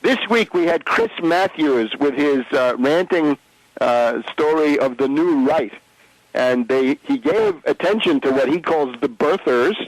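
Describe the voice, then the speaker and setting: A man's voice: on the high side, expressive, unhurried, no room sound, low-quality recording. Dry-sounding male radio host. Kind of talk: radio interview.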